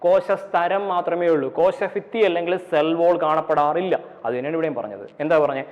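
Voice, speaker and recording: A man with a Malayali accent teaches a class in a fairly high voice, repeating himself and spelling words out letter by letter. He slows right down to dictate definitions. The audio is dull and carries a long echo. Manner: repetitive, asks and answers his own questions, spells terms letter by letter. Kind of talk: classroom lecture.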